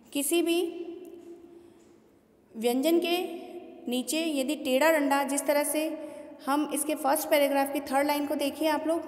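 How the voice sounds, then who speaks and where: High-voiced woman teaching in an echoey room. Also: darkish tone. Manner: patient, repeats words slowly and asks students questions. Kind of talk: classroom lesson explaining Sanskrit pronunciation. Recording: echoey room with long reverb.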